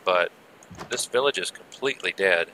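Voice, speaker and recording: A man giving casual, rambling live gameplay commentary with muttered asides, heard through low-quality stream audio from an old headset. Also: animated, moderate pace, bright, forceful tone, slight background noise. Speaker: game server streamer.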